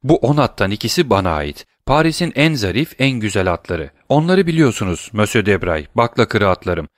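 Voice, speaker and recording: Kibirli, küçümseyen soylu barones; bir erkek okuyucu canlandırıyor, yükseltilmiş sivri ses, kuru kayıt. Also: male voice, very animated, a little fast, no echo, studio quality. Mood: indignant. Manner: raised pitch, sharp and indignant. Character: haughty scornful aristocratic baroness, woman.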